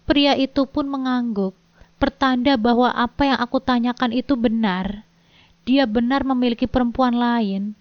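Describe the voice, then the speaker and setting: A woman narrating a first-person story in a steady, emotional way. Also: a little high, moderate pace, no room sound. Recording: dull dry lo-fi recording.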